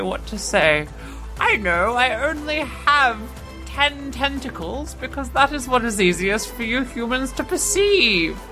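A woman's voice: on the high side, bright, forceful tone, exaggerated voice. A woman voicing a pompous alien posing as a human, speaking formally and grandly.

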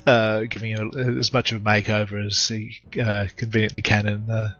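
Brief: male player, halting, dull lo-fi mic, faint music. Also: on the low side, completely flat delivery, a bit bright. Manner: hesitant, filler-heavy. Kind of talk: tabletop game play.

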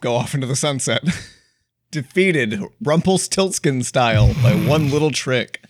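A young man co-hosting a podcast, brainstorming ideas in an animated way and laughing often. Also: mid-range voice, a little slow, dry recording, studio quality. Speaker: podcast co-host. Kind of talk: casual brainstorming chat.

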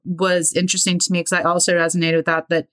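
A woman's voice: lowish voice, level tone, fast talker, a bit bright. A woman hosting a podcast, asking questions in a casual, conversational way with personal asides. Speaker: podcast host. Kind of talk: casual interview chat.

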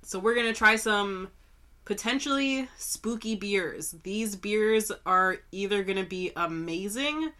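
A woman's voice: medium pitch, lively intonation, measured pace, sharp tone. A woman co-hosting a podcast in casual, sweary chat, a little nasal and congested from a cold. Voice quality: nasal, stuffed up. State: sick with a cold. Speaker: podcast co-host.

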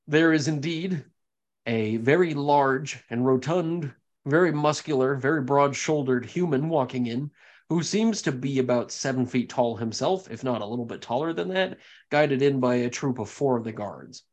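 A young man narrating a tabletop game as game master, with rambling, descriptive storytelling. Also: medium pitch. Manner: descriptive, meandering narration with fillers.

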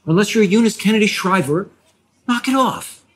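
An actress playing a blunt, irritated coffee shop customer in a comedy sketch. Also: female voice, medium pitch, lively intonation, unhurried, slight background noise, close to an everyday voice. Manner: blunt and mocking.

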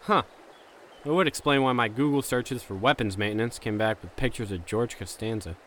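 A man's voice: mid-range voice, moderate pace, a bit bright, a little hiss or hum, natural voice. A man playing an impatient bossy corporal. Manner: barking orders, impatient. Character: exasperated male squad corporal, bossy. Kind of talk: comedic audio drama.

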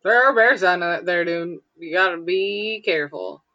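A woman's voice: on the low side, a little slow, pushed and bright, highs cut off, slight background noise. A woman from Illinois in a casual chat with a friend, rambling with many fillers and giggling. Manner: rambling, lots of likes and uhs, giggly. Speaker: friend chatting.

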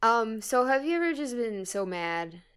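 A young woman in her twenties rambles through a podcast story with a bright, clear voice, giggling as she goes. Her talk is loose, casual and peppered with swearing. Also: on the high side, very animated, moderate pace. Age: 20s. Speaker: podcast co-host. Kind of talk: casual chat.

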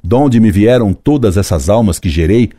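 Deep-voiced old man, solemn and slow. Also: expressive, mellow, no room sound. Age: 70s. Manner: slow, solemn, measured delivery with long pauses. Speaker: history teacher. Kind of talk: reflective scripted narration.

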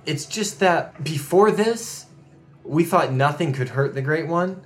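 A man's voice: fairly high pitch, animated, a little slow, soft background music. A man narrating a tabletop game casually as the game master.

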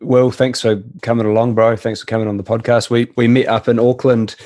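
A man's voice: medium pitch, level tone, fairly quick, dark tone, no room sound. A man with a broad New Zealand accent hosting a casual podcast interview in a matey, informal way. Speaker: podcast host.

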